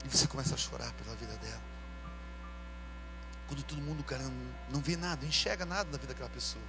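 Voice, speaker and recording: A man preaching a sermon as pastor, in a casual, slangy way, calling out to his church and shouting when he acts out people. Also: medium pitch, very fast, over music, rough recording. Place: church service with music behind.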